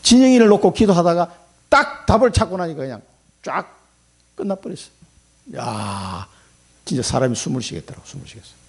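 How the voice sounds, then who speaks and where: Gravelly, husky-voiced male pastor preaching. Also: fairly high pitch, animated, moderate pace, long pauses. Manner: emphatic, folksy preaching with sudden loud and soft swings. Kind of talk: sermon.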